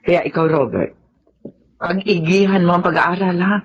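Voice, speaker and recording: A woman's voice: lowish voice, normal speed, husky. An actress playing a worried middle-aged mother in an old radio drama, anxious and pleading. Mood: stern. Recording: dull lo-fi old radio recording.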